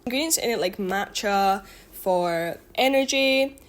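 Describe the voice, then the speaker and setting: A woman's voice: mid-range voice, lively intonation, measured pace. Chatty twenty-year-old woman, rambling. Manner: rambling, lots of ums and likes, self-correcting. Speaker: vlogger and student. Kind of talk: casual chatty catch-up vlog.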